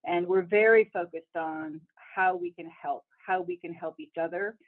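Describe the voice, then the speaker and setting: A woman's voice: on the low side, steady tone, moderate pace. A woman co-hosting a podcast interview, asking questions in a conversational, rambling way. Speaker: podcast co-host. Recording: phone-like line.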